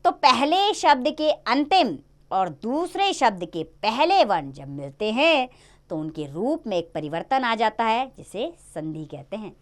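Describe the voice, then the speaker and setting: This woman's voice sits on the high side and moves at an unhurried pace as she teaches a grammar lesson to kids. She goes through the rules step by step, lively and sing-song, putting weight on each example.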